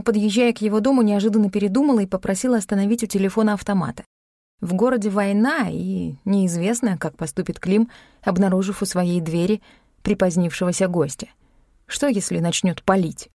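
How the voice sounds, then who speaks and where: A woman reading a first-person story aloud in a measured, wry manner. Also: mid-range voice, warm tone, no room sound, clean studio sound. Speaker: audiobook narrator. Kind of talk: first-person scripted narration.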